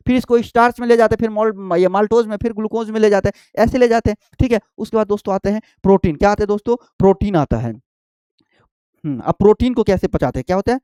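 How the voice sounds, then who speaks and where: A man's voice: high-pitched, mellow, clean tone, no room sound, clean studio sound. A male teacher giving an exam-prep biology lesson, repeating each point and quizzing the students as he goes. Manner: repetitive, quizzing, addresses students as friends and babu.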